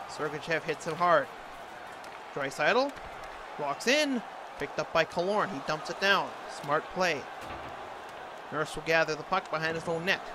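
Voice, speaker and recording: Man, higher-pitched voice, announcer-style hockey commentary, short clipped calls, noticeably noisy recording. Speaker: amateur hockey play-by-play announcer. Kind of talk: sports announcer impression, play-by-play commentary. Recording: clearly noisy, ambient background noise.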